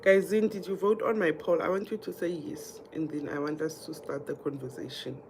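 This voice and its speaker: Speaking fairly quickly in a low, steady voice, this livestream host from Mpumalanga, South Africa chats straight to her viewers with a South African accent. She reads comments, shares stories and repeats herself a lot, over background noise.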